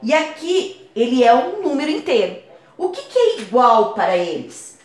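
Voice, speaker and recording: A woman's voice: sits high, very animated, normal speed, a little mellow. A woman math teacher explaining a lesson patiently, using everyday comparisons. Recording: echoey room.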